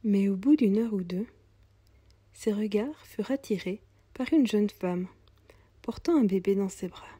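Slow, soft-spoken woman storyteller. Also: medium pitch, husky, no echo. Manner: calm, soft, at times near a whisper. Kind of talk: storybook narration.

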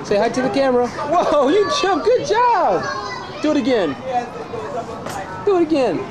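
A woman's voice: sits high, very animated, normal speed. An older woman filming her grandchildren on an old VHS home video tape, narrating and cheering them on in a sing-song way. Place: busy fast-food playland. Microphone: handheld camcorder mic. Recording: noisy camcorder tape in crowded playroom. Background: crowd of kids and loud din.

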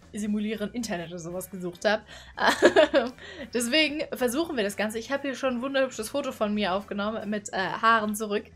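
A woman of twenty-one, chatty and playful, commenting casually from a small bedroom into a condenser mic. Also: mid-range voice. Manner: chatty, playful, exclaims and giggles. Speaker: YouTuber. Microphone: studio condenser mic on boom arm.

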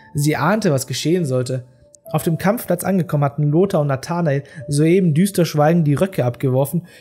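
An audiobook narrator reading a classic literary tale in a measured, expressive storytelling manner. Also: medium pitch.

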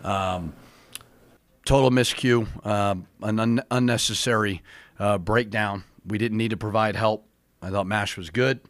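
A middle-aged man, a head basketball coach, answering press questions at a desk mic in a firm, plain-spoken, measured way. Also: fairly low pitch, fairly even intonation, no echo. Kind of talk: postgame press conference answers. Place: press room with sponsor backdrop, indoors.

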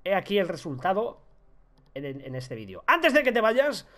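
A man with a Spanish accent from Spain narrates his own gameplay as he plays. His voice sits high and swings wildly in pitch, flying into loud excited outbursts and self-mocking jabs. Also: normal speed. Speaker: gaming YouTuber. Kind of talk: live gameplay commentary.

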